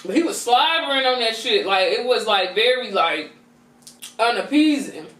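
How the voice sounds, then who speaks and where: High-pitched female mukbang vlogger, slangy and conversational, talking with mouth full in an echoey room. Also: animated, moderate pace, fairly bright tone, recorded from a distance. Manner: talks with mouth full while eating. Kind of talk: casual storytime chat.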